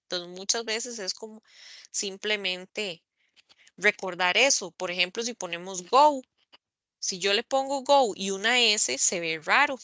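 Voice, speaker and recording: Slow, bright-voiced woman teaching English. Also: mid-range voice, dry recording. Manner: slow, careful, spells out letters and repeats examples. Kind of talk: online class explaining grammar. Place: online meeting recording.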